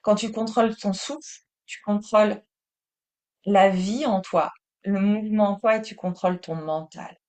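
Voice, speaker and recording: A woman with a French accent teaching breathing and meditation in a calm, soothing manner. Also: medium pitch. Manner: slow, calm, soothing delivery.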